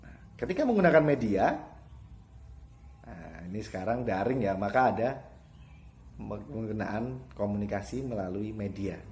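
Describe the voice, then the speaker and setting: A man with a fairly low voice gives an online lesson to students. He explains step by step, repeats the key terms and shifts his tone to demonstrate a point. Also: lively intonation, normal speed, pauses often, darkish tone, slight background noise.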